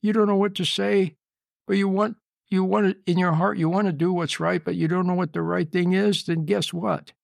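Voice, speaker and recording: A man giving an informal sermon, emphatic and repetitive, often checking in with a quick "See?". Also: high voice, fairly even intonation, creaky, no echo, studio quality. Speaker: preacher.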